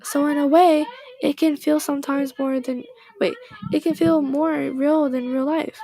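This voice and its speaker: A woman's voice: high voice, steady tone, a little slow, no echo. Yuri: a woman doing a shy, hesitant bookish girl. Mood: earnest. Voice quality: soft, hesitant, apologetic. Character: shy, bookish teenage girl, anxious and quiet. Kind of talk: reading game dialogue aloud.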